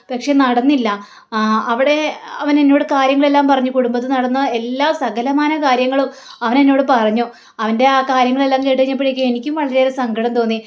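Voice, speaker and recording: This is a concerned male friend, earnest and explanatory as he recounts events, played by a woman narrator. Her voice stays high. The reading is plain and conversational. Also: natural voice. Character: concerned male friend bringing bad news.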